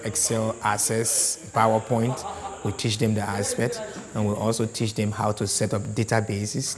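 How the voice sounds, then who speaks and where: A man from Liberia explaining a computer training classroom in a documentary interview. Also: on the low side. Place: dim indoor computer classroom.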